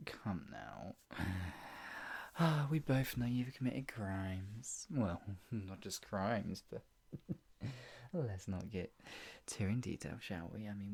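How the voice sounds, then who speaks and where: Acting as an obsessive, possessive kidnapper in ASMR roleplay, the performer speaks slowly and smugly, heavily acted, with teasing chuckles, sighs, and a frequent breathy, taunting whisper. Pitch is medium and the tone somewhat dark. The feeling is possessive and menacing.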